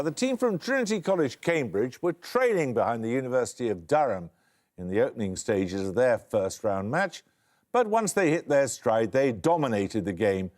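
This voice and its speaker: A man hosting a quiz show, reading questions crisply and giving dry, wry introductions. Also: on the high side, a little mellow. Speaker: quizmaster.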